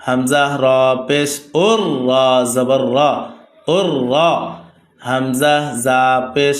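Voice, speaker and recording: A man with a Bangladeshi Bengali accent teaching Quran reading, spelling out Arabic letters with their vowel marks in slow, repetitive drills. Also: medium pitch. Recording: echoey room.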